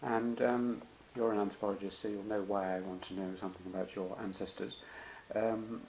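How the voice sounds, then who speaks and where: Low-voiced man gently asking questions. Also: flat delivery, normal speed, slight background noise, rough recording. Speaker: interviewer. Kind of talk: conversational interview questions.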